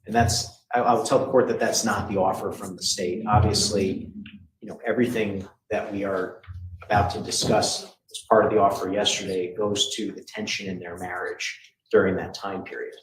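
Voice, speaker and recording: A man, a prosecutor, questioning a witness in formal, measured tones, heard in a courtroom recording. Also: lowish voice, flat delivery. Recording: echoey courtroom with faint noise.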